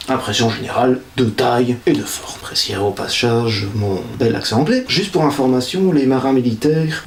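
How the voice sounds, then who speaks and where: A man's voice: mid-range voice, a little hiss or hum. A man hosting a nature video, explaining birdwatching in a playful, joking manner with lots of asides. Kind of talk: humorous educational vlog. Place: indoors. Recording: echoey room.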